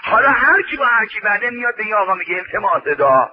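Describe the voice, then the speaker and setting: High-voiced preacher telling lively stories. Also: male voice, dull audio, background noise. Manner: drawn-out chanting of Arabic quotations; animated storyteller acting out dialogue. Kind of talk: sermon with anecdotes.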